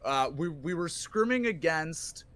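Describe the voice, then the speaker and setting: A man who coaches esports, chatting on a live podcast, animated and casually swearing, trailing off quietly at times. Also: fairly high pitch, measured pace.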